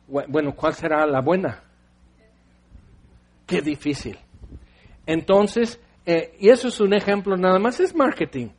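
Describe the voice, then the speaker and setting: A man's voice: high voice, a little mellow. A man preaching a sermon in a conversational way, acting out little scenes in different voices.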